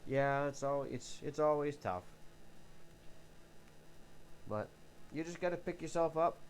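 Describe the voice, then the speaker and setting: A man's voice: fairly high pitch, lively intonation, unhurried, soft background music. A man hosting a livestream, chatting casually with viewers and answering their messages into a headset mic. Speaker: livestream host.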